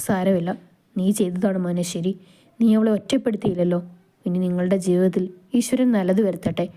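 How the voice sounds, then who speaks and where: A gentle, fatherly uncle in a storybook romance, calm and mellow as he comforts his nephew, as a woman narrator reads him. The voice stays near her own everyday tone. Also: fairly low pitch, brisk, close to an everyday voice. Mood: reassuring. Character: middle-aged uncle, kind and reassuring.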